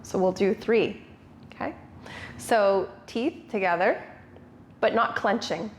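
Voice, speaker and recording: A woman's voice: mid-range voice, slow pace, a little hiss or hum. A woman yoga instructor leading a guided breathing tutorial, giving short step-by-step cues.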